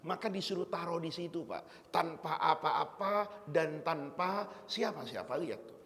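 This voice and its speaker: A man's voice: on the high side, measured pace, big-room sound. A male preacher giving a sermon, telling stories playfully and quizzing his audience. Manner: lively storytelling, quizzes audience, playful asides.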